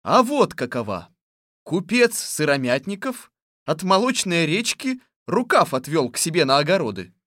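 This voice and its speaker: Young man in a mirror, calm, measured report, slightly high voice. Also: dry recording, clean studio sound.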